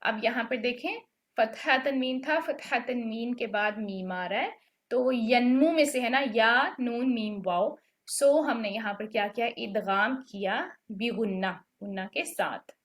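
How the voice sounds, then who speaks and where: A woman's voice: on the high side, measured pace. A woman teaches an online recitation class. She explains patiently and keeps checking that her students are following along. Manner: patient, checks understanding with "ठीक है?". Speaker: tajweed teacher.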